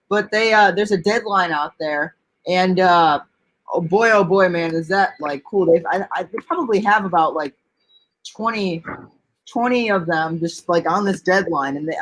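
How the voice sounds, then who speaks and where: A man co-hosting a livestream in casual chat, eager and halting, with many fillers. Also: high voice, fairly bright tone. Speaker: livestream co-host.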